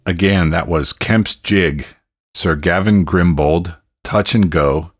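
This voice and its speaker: A male podcast host who announces tracks and asks questions in a measured, polite way. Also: low-pitched, no room sound, faint music behind. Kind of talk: radio-style interview hosting.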